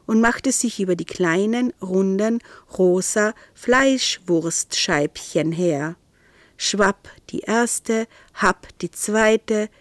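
A woman reading a storybook aloud, expressive and playful, with an even middle pitch. The sound is dry and close, as if she sits right at the mic in a deadened room. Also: dry recording. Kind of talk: audiobook reading.

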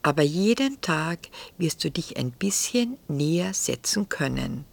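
A wise, lonely fox speaks in a whispered role-play, voiced by a woman. The whisper is soft and gently pleading, slow, husky and very gravelly. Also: deep voice, big pitch swings, full character voice. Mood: gentle musing.

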